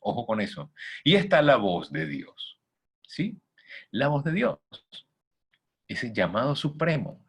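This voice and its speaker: A man's voice: medium pitch, breathy edge. A man giving a motivational talk as a coach, emphatic and asking listeners rhetorical questions. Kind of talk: motivational talk with faith content.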